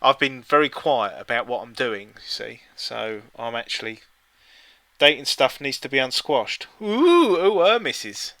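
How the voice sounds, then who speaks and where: A man's voice: medium pitch, moderate pace, creaky, sharp tone, no echo. A man co-hosting a casual live stream, joking and reading out listings. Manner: jokey, reads listings aloud in bits. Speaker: streamer co-host.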